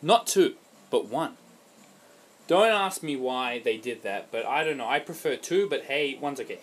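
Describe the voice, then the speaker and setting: An Australian man reviewing a video game over gameplay footage in a casual, profane, ranting way with loud emphatic outbursts. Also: mid-range voice, lively intonation, unhurried.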